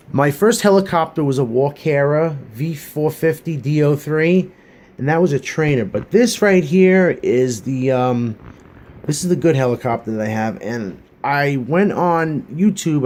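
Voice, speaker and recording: A man's voice: mid-range voice, a little mellow. A man giving a casual hobby review, chatty and earnest, rambling with many fillers and restarts.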